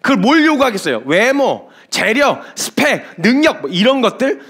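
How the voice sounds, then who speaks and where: A man, a missionary preacher, giving a sermon with emphatic storytelling and lively asides. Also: very high-pitched, moderate pace.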